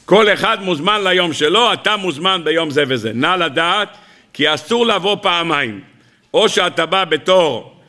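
High, bright-voiced rabbi telling parables. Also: male voice. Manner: lively storytelling with parables; asks the listeners rhetorical questions. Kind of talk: weekly Torah sermon.

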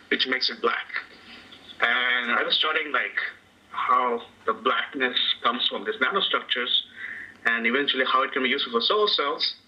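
A man in his thirties, a postdoctoral researcher, introducing himself in a relaxed way over a video call. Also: mid-range voice. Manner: relaxed, uses "like" fillers. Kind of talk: casual self-introduction. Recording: dull lo-fi video call audio.

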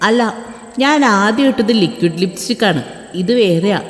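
A woman's voice: medium pitch, animated, normal speed, close to an everyday voice. A woman voicing an earnest, eager young wife who pleads and fusses, in a storybook voice reading. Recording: echoey room with soft background music.

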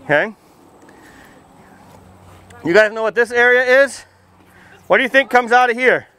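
An American firefighter gives young children an informal outdoor demonstration under a tent beside a fire truck, asking simple questions in a projecting, folksy way. His voice is extremely high, bright, forceful and smooth, and he takes his time.

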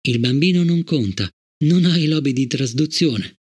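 A man reading an audiobook, voicing a cold, relentless male guard robot with a flat, formal manner. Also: on the high side, normal speed, breathy edge. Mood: stern. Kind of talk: audiobook character voice.

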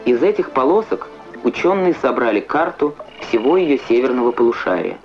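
A man reading scripted educational science newsreel narration in a measured, declamatory way with precise diction. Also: medium pitch, very animated, soft background music. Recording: muffled vintage Soviet film soundtrack.

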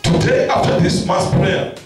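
A man's voice: measured pace, distant mic. A man with a South African Venda accent preaching a sermon, leading a mass prayer and telling a story with the voices of its people. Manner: storytelling, acting out voices in his tale, calls and responses. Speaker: pastor. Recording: very echoey hall, picked up from afar, music behind.

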